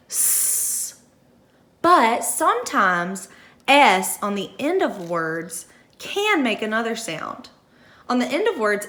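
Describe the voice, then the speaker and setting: A young woman teaching phonics to first graders, slowly sounding out letters and words and praising the class. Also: mid-range voice, bright, forceful tone. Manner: encouraging praise. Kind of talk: phonics lesson for young children.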